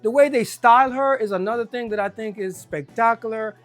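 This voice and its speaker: Soft background music accompanies this casual video game review by a Jamaican-accented speaker. Their medium-pitched voice moves a little fast, full of enthusiasm, with words often doubled up when they get excited.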